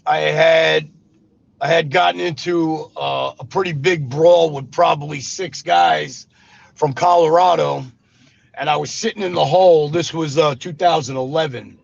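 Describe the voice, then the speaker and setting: A man's voice: fairly high pitch, fairly even intonation, a little slow, creaky. A man, an interview guest telling his life story in a casual, street-talking way. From Brooklyn, New York. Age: 50s. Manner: street-talking, says "brother" and "you know what I mean". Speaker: interview guest, former gangster. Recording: dull dry lo-fi sound.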